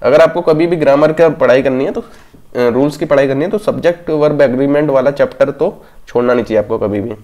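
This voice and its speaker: A man with a brisk, mid-range, slightly mellow voice teaches exam grammar rules in a mix of Hindi and English. He explains step by step and keeps checking in with listeners by repeating "theek hai." The sound is lo-fi.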